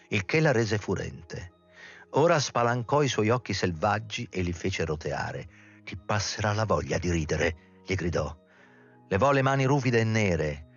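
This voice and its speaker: Deep husky man reading a novel. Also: muffled recording. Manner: measured, dramatic storytelling. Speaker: reader. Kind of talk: literary audiobook reading.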